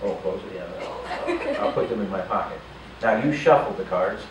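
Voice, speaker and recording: An older man entertains a casino showroom as a stage magician, bantering with jokes and chatter alongside volunteers from the audience in live magic patter. His fairly low voice is animated and moves at a normal speed, captured in an echoey, distant, noisy room.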